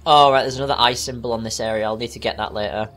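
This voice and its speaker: A woman playing a video game and commentating casually, animated and exclaiming, swearing now and then. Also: rapid-fire, faint music behind. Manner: animated, exclaiming, swearing, jumps to high squeals. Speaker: let's play player.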